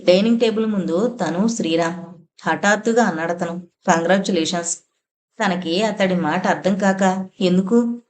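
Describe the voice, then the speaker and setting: A woman reads a suspense thriller aloud with dramatic, measured pacing. Her voice sits at a middle pitch for a woman. The telling is steady and scripted, built for an audiobook. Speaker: audiobook narrator. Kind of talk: dramatic narration of a suspense novel.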